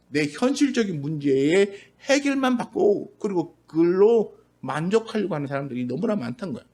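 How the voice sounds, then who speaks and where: A man pastor giving a Sunday sermon in a church, talking in a conversational way and now and then acting out the voices he quotes. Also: high-pitched. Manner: conversational preaching, briefly acts out quoted voices. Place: church sanctuary.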